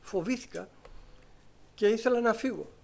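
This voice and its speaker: A middle-aged man with a notably high voice gives a personal testimony before his church. He is a lively storyteller who slips into the voices of the people he talks about. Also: vocal fry. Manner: lively storyteller, acting out conversations. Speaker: church member giving testimony.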